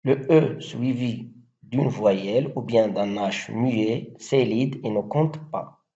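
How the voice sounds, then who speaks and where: Male teacher, mellow low voice, unhurried, recites verse examples on a muffled recording. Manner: slow, deliberate, spelling out syllables and rhyme schemes. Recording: dull lo-fi recording.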